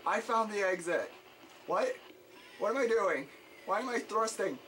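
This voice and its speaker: A man doing gameplay commentary, joking and yelling in mock panic at the enemies. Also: sits high, lively intonation, unhurried, slight background noise. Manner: jokey, panicky, yells at enemies. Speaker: let's play commentator.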